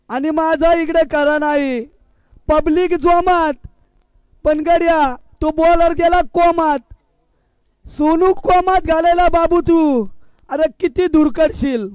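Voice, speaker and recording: A man's voice: extremely high pitch, fairly even intonation, takes it slowly, long pauses, a little mellow, no echo. A man doing live commentary at a local cricket match, teasing the players in playful banter. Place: outdoor local cricket ground.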